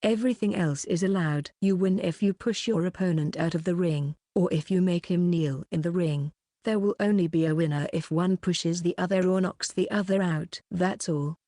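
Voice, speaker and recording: A woman's voice: on the low side, normal speed, warm tone, no room sound, clean studio sound. A woman reading the lines of a proud, boastful female sumo champion fighter in an audiobook. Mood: confident.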